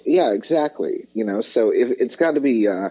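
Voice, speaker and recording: Co-host, man, husky, animated pitch, lo-fi sound. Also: normal speed. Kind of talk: casual chat.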